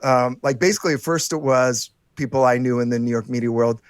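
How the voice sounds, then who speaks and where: A man's voice: mid-range voice, fairly quick, clear, resonant tone, dry recording, studio quality. A man co-hosting a podcast, talking casually and rambling with many restarts and fillers. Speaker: podcast co-host. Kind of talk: casual conversation.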